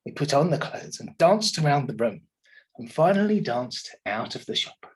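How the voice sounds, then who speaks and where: A male teacher with an English accent reads a children's story aloud expressively, then asks the listeners questions about it. His voice is on the high side with a breathy edge, at a moderate pace.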